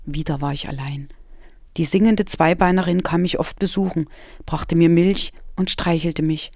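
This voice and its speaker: A woman author reading her own children's story aloud in an expressive storytelling manner. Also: lowish voice, moderate pace, vocal fry, no echo, studio quality.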